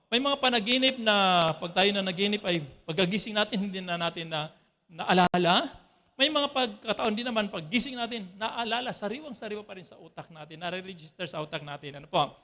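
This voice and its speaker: Male pastor from the Philippines, high bright voice, chatty sermon delivery that checks in with the congregation. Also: fairly quick. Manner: conversational preaching with frequent "ano po" checks to the congregation. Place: church.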